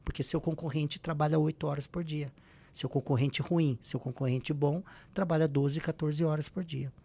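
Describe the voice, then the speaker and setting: A man with a Brazilian accent and a somewhat high voice speaks as a podcast guest. He has a slight tongue-tie and lays out motivational advice emphatically, point by point, with rhetorical questions. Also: fairly even intonation, moderate pace, gravelly, mellow, husky. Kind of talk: motivational advice in a casual interview.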